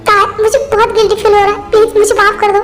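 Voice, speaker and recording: A woman's voice: very high voice, flat delivery, fast, soft background music. A woman voicing a remorseful young woman who pleads through tears in a fan-dubbed drama. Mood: pleading. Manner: pleading, apologetic. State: crying. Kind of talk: Hindi fan-dub voice acting.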